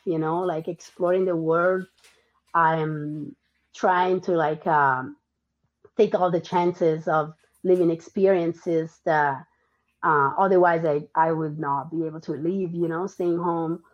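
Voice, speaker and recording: Heard through dull lo-fi audio, a podcast guest speaks in a lowish, steady female voice at a slow pace. Raised in Italy and from Argentina and Italy, she chats in a casual interview, hesitant and full of ums and restarts.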